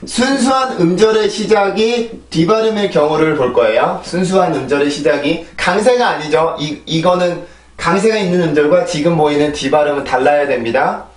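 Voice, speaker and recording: A man with a fairly high voice runs an online pronunciation lesson, patiently repeating sounds and words several times each. He sits a little back from the mic, and the room adds a clear echo. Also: recorded from a distance, slight background noise. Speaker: English pronunciation teacher. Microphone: small clip-on mic with phone camera.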